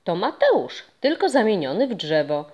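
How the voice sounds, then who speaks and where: A woman's voice: mid-range voice, very animated, moderate pace, darkish tone, lo-fi sound. A woman voicing a friendly male castle ghost who tells stories in a storybook, with a mysterious, proud manner.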